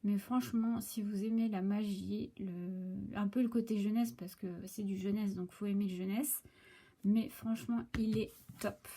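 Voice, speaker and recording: A woman's voice: a little high, warm tone, slightly rough. A French woman talks casually to the camera about new book releases, hesitating with many fillers and restarts, recorded on her phone.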